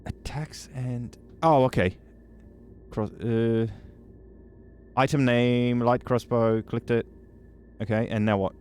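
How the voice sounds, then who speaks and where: A man's voice: mid-range voice, steady tone, slow, pauses often, a little mellow, smooth. A man playing in a tabletop game, joking around and fumbling through the rules. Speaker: player. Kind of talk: casual chat during a tabletop game.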